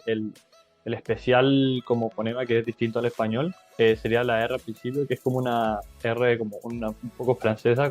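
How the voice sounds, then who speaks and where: A young man from Chile giving a casual tutorial as a language tutor, halting with many fillers and restarts. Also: mid-range voice.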